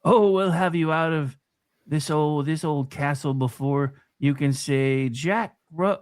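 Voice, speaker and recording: A man playing an excitable, kindly scarecrow in a comic radio play, fretful and given to stammered exclamations. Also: fairly high pitch, slow pace, clean tone, no echo, clean studio sound. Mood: earnest.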